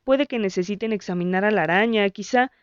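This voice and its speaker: A woman's voice: medium pitch, fairly quick, clear, resonant tone, no echo, muffled recording, close to an everyday voice. A woman voicing a frightened young girl who pleads anxiously with her brother. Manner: pleading, tearful. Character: young girl, frightened worried older sister.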